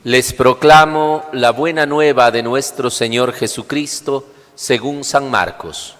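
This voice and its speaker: A priest reading the Gospel and preaching a homily at Mass in a slow, deliberate cadence, his voice carrying the long echoing reverb of a large church. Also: mid-range voice, fairly bright tone.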